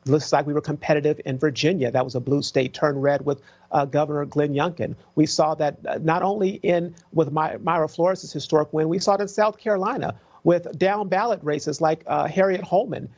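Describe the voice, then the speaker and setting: A man's voice: fairly high pitch, a little mellow, highs cut off. Assertive male pundit on a remote feed. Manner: assertive, list-driven talking points. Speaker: political commentator. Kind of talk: TV news punditry.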